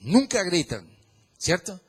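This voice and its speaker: A man preaching a sermon in church, swinging from loud emphatic questions to quiet prayerful tones. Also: sits high, big pitch swings, slow, slightly rough. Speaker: pastor.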